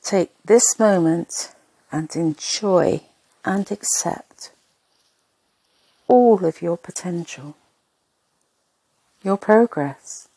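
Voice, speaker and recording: A woman narrating a sleep meditation in a soft, breathy, husky voice, soothing and hushed, in short spaced phrases. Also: fairly low pitch, extremely slow, long pauses, no room sound, poor audio.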